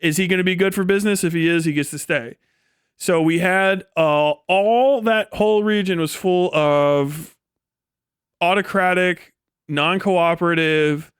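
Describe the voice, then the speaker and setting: A male live streamer with a fairly high, bright, clean and resonant voice riffs off the cuff on politics, sardonic and bluntly dismissive with profane sarcasm. The room is very dry, with no echo.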